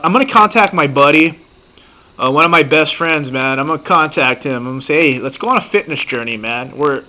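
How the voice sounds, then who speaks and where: A man in his thirties talking casually and profanely in a rambling, excitable way while reacting to a TV show at his computer. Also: mid-range voice. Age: 30s. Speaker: vlogger reacting to a TV series.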